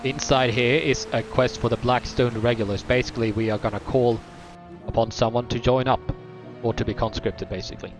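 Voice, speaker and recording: A man's voice: mid-range voice, steady tone, brisk, soft background music. A man streaming a video game, rambling casually and often correcting himself. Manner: rambling, with many fillers and self-corrections. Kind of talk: casual let's-play commentary.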